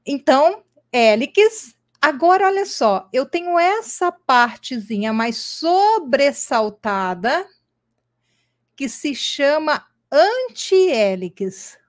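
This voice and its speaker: Woman, online teacher, unhurried and patient, fairly high voice. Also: sing-song. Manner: slow, patient, checks in with "tá?" and "ok?". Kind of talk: online lesson with screen drawing.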